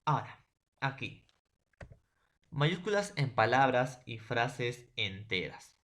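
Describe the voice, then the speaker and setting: A Peruvian man gives a secondary school language lesson. His voice sits at a middle pitch, and he circles back over each point, tagging questions onto nearly every sentence. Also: very animated, slow, fairly bright tone. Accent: Peruvian Spanish. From Peru. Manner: repetitive, keeps adding tag questions and "profesor". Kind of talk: remote class lecture.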